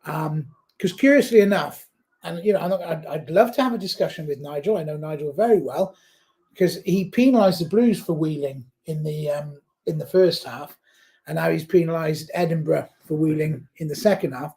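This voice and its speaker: Man, rugby co-commentator, high voice, excitable, live match commentary. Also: normal speed. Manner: excitable, breaks into shouts at big plays.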